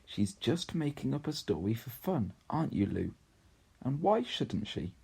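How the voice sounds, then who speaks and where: A man reads a sensible older brother from a storybook. The boy is fair-minded and firm, in a slightly husky voice with some creak. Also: medium pitch, very animated, measured pace, a little mellow, voice pushed up, exaggerated voice. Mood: reasonable.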